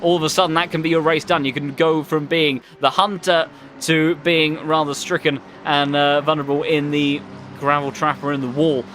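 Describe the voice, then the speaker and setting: A man's voice: a little high, little pitch movement, normal speed, fairly bright tone, faint music behind. A man commentating live on a motor race as a motorsport commentator, with flowing, descriptive play-by-play and colourful turns of phrase.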